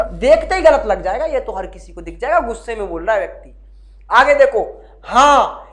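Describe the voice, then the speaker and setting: Animated high-voiced male teacher lecturing. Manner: animated, rhetorical questions to students; mixes English words into speech. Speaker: exam-prep teacher. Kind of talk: online class lecture.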